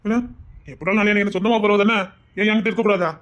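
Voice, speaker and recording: A man's voice: sits high, steady tone, quick pace, lo-fi sound, close to an everyday voice. A young man with a Tirunelveli Tamil accent playing a manipulative, greedy boyfriend who sweet-talks insistently on the phone. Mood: sweet-talking. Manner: coaxing, insistent, keeps asking 'understand?'. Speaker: scheming boyfriend on a phone call. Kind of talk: web drama acting.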